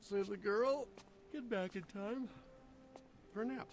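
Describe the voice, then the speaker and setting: A man's voice: sits high, slow, soft background music. A man voicing a sarcastic, laid-back ghost hunter in a video game, with dry wisecracks. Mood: wry. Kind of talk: video game cutscene acting.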